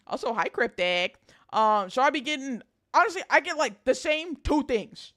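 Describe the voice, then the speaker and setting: Female virtual streamer: high voice, big pitch swings, bubbly girlish delivery, casual, blunt and sweary. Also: animated, moderate pace, a bit bright. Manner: blunt, sweary, playfully emphatic. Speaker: livestream host, virtual streamer. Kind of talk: casual livestream chat, reading and answering viewers.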